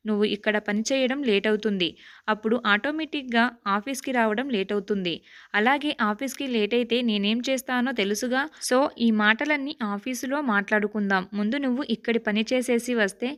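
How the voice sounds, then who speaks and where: A man's voice: very high voice, brisk, fairly bright tone, smooth. A woman voicing a cool, sarcastic young male boss who mocks and orders his employee about. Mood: cool mocking. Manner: mocking, curt, unbothered.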